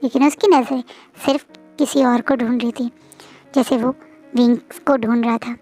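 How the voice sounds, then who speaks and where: A woman voicing a calm elder brother who earnestly warns his sibling in a storybook reading. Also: on the high side, normal speed, soft background music, lightly acted.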